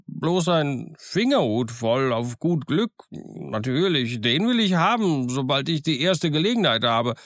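A man voicing a childlike, excitable old castaway sailor who has gone half mad alone, in an eager, wheedling, sing-song way. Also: a little high, a little slow, hardly any pauses, dry recording, clean studio sound, voice pushed up. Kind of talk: audiobook character voice.

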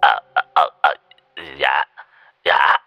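A man's voice: rumbling low, steady tone, slow pace, vocal fry, sharp tone, dry recording, dull audio, soft background music, voice pushed down, full character voice. A man doing a stammering, choked old farmer. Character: old village husband, shaken and stammering.

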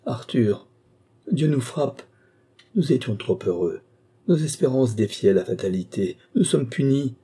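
A man's voice: medium pitch, lively intonation, unhurried, dark tone, slightly rough, pitched above the performer's own voice. A man reading an audiobook, voicing a scheming noblewoman who feigns tearful grief in a raised, pleading voice. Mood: anguished pleading.

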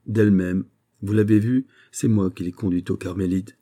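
A man's voice: deep voice, fairly even intonation, warm tone, dry recording. A man voicing a sly musketeer captain who speaks coolly and with understatement. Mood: calm, sly. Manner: cool, measured, dry understatement.

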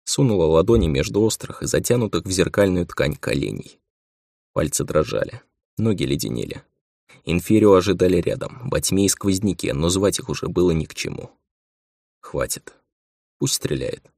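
A man reading a science fiction audiobook in a measured, subdued narration. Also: low voice, animated, vocal fry, a little mellow, dry recording, clean studio sound. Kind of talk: scripted narration.

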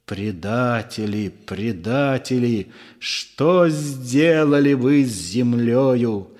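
A man's voice: mid-range voice, animated, takes it slowly, a little mellow. A man voicing a bitter, scornful disciple who accuses with fierce passion, in a storybook reading. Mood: furious. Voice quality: fervent, accusing, sharply mocking. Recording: long room reverb.

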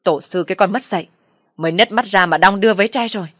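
Brief: woman playing a shrill, spiteful mother-in-law, audio story, dry close sound. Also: fast talker, no room sound, natural voice. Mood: furious scolding. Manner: shrill, abusive shouting. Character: furious scolding middle-aged mother-in-law.

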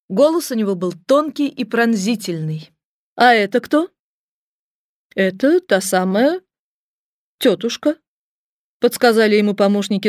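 A woman reading a children's story aloud with a lively, expressive delivery. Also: fairly high pitch, dry recording, clean studio sound. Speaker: audiobook reader.

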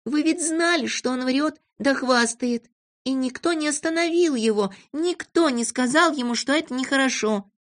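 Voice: high-pitched, normal speed, fairly bright tone, pitched above the performer's own voice. A storybook reader voicing a little girl who scolds indignantly.

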